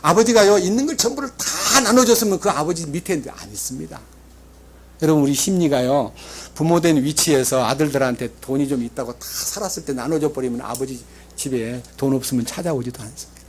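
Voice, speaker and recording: A male pastor delivers a sermon in a lively storytelling way. His voice sits notably high for a man, and he swings between loud emphasis and soft asides. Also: fairly quick, a little hiss or hum.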